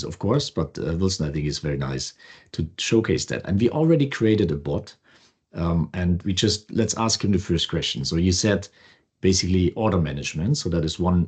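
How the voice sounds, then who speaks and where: A man co-hosting a podcast, casually walking through a software demo with loose, restarting phrasing. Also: low-pitched, fairly quick, husky. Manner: relaxed, loose, restarts often. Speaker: co-host.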